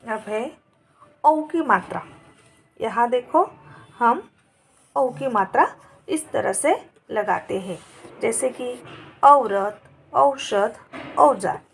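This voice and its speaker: A woman's voice: fairly high pitch, animated, slow pace, gravelly, pauses often, slight background noise. A woman teaching a grammar lesson, going through examples word by word in a patient, dictating manner.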